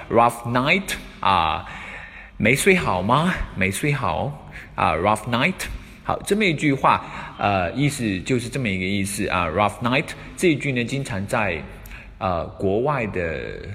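A man's voice: lowish voice, fairly bright tone. A man hosting a spoken English lesson, explaining step by step with many fillers. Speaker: English teacher and host. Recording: long room reverb.

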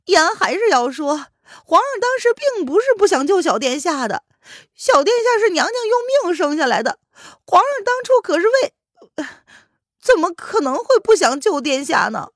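A woman's voice: very high voice, big pitch swings, normal speed, dry recording, clean studio sound, pitched above the performer's own voice. Woman voicing a pleading male palace servant. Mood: urgent pleading. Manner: pleading, earnest.

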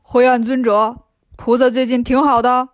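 A woman's voice: fairly high pitch, little pitch movement, moderate pace, no echo, studio quality, lightly acted. A woman voicing a river demon turned humble male monk disciple in a storybook reading, polite and eager to please.

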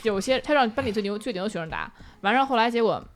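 A young woman, chatting casually and telling animated stories. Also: a little high, quick pace, a little hiss or hum. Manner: animated storytelling, bursts of laughter. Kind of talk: casual chat.

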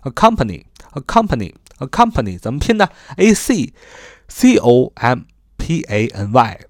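A man explains English vocabulary in an animated, up-and-down voice. He repeats each word several times and spells it letter by letter. The recording is close and dry. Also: mid-range voice, no room sound. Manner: sprinkles sentence-end particles, rhetorical questions.

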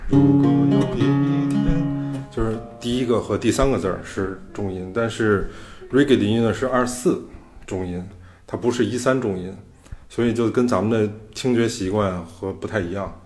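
A man's voice: lowish voice, normal speed, darkish tone. A man hosting a podcast, explaining music theory in loose, casual talk. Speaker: podcast host. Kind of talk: casual chat.

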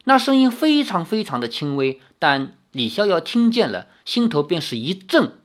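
A storyteller reading a novel aloud, animated and acting out each character. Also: medium pitch, moderate pace.

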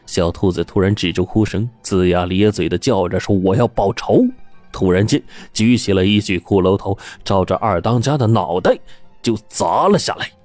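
Low mellow guy telling a spooky story, dry close sound, faint music under it. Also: moderate pace, no room sound. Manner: steady, suspenseful telling. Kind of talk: scripted story narration.

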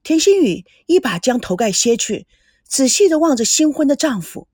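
A woman narrating a story in an emotive reading style, with a husky, breathy voice. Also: high voice, big pitch swings, normal speed, a little mellow, dry recording, studio quality.

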